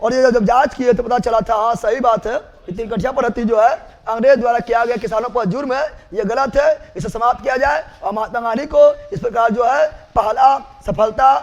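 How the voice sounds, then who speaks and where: High-voiced, animated teacher. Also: male voice, a little fast, lo-fi sound. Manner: repeats key names over and over, teasing the class. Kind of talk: classroom lecture.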